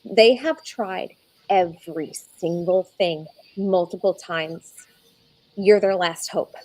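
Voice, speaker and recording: A young adult woman, a guest in an interview, telling her own story earnestly and slowing down when she is moved. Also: on the low side, fairly even intonation, warm tone, no echo, rough recording. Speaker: egg donor guest. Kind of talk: conversational interview.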